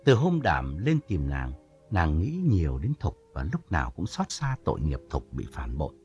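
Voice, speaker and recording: A man narrating an audiobook story in a calm storytelling manner. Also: extremely low pitch, normal speed, breathy edge, lo-fi sound, faint music behind.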